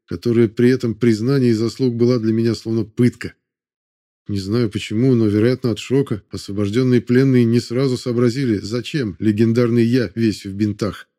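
A man narrating a war novel audiobook in a steady, measured reading. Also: lowish voice.

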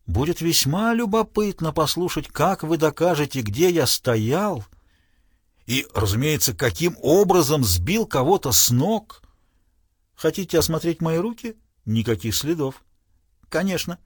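A man's voice: on the high side, very animated, measured pace, breathy edge, no echo, studio quality, heavily acted. A man reading an audiobook, playing a witty lawyer who needles a policeman with ironic courtesy. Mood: mock-polite. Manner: ironic, thoughtful, teasing. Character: witty, sardonic male lawyer, mock-polite.

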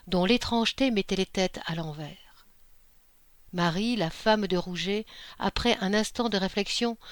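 A woman reading a classic short story aloud in a measured, expressive narration. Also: medium pitch, dry recording. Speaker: audiobook reader.

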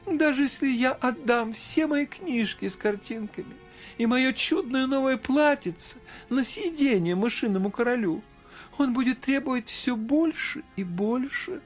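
Tender little girl, tearful, a man puts her on, high and lively pitch, storybook. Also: measured pace, faint music behind. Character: small tender-hearted girl, tearful and kind.

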